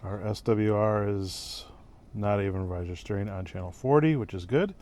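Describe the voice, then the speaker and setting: A vlogger testing CB radio gear narrates in a fairly low voice at a moderate pace, walking through the equipment step by step in a casual, plainspoken way. Steady background noise and vehicle sounds run underneath.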